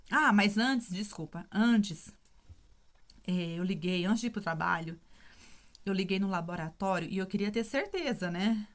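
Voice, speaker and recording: Emotional Portuguese-speaking woman telling her story. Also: mid-range voice. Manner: emotional, tearful at times, with many fillers. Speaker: vlogger sharing her testimony.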